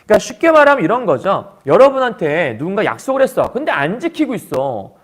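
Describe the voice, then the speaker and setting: A male literature teacher lecturing, animated and often asking questions to the class. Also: sits high, fast.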